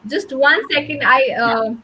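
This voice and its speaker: A woman hosting a webinar off the cuff and reading out audience questions, with hesitant pauses. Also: high-pitched, sharp tone, poor audio.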